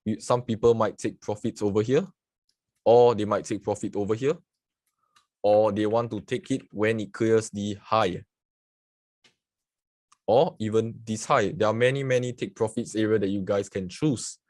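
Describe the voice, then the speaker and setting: A Singaporean forex teacher talks casually through chart examples on a livestream, using a fairly low, darkish voice with fairly even intonation, a moderate pace, and long pauses. The recording is dry. It's a live screen-share market analysis with chat, where he greets viewers and repeats "so yeah" a lot.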